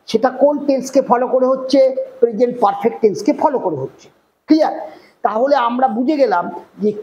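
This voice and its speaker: A teacher with a medium-pitched, darkish voice gives a grammar lesson in a classroom, explaining step by step and often checking that the class understands. The room is echoey, with faint noise.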